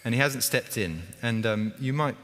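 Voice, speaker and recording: A man's voice: mid-range voice, expressive, normal speed, a bit bright, long reverb tail. A man preaching a sermon in a church, in a conversational way that asks the congregation questions.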